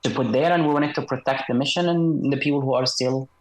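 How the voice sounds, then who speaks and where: A man with a slightly electronically disguised voice, giving halting, measured interview answers as a guest. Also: mid-range voice, rough recording. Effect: slight voice disguise processing. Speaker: interview guest, author and former military unit member.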